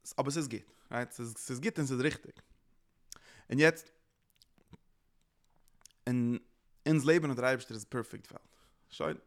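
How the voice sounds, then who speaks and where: A man's voice: medium pitch, vocal fry. A man giving a religious lecture as a teacher, earnestly circling back to restate his points.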